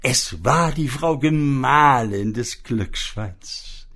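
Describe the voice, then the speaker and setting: A man telling a comic fairy tale in a slow, gravelly voice. His delivery is playful and theatrical, with lots of rise and fall. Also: mid-range voice, animated, a bit bright. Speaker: storyteller.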